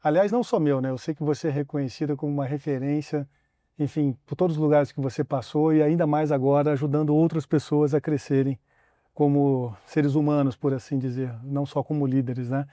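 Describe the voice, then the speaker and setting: A man from Brazil hosts a podcast interview, asking long, reflective questions and giving short affirmations. His voice sits a bit high but sounds very mellow and dark. The recording is dry and close. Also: steady tone, brisk, no room sound. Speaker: podcast host. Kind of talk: interview conversation.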